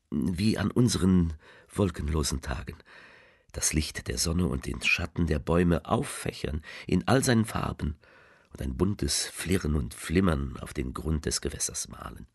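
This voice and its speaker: A hushed, gravelly letter writer. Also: male voice, dry recording, studio quality, full character voice. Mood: tender. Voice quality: very deep, gravelly, husky. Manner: slow, hushed, often half-whispered. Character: male letter writer speaking tenderly to a loved one. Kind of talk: intimate literary reading, radio play.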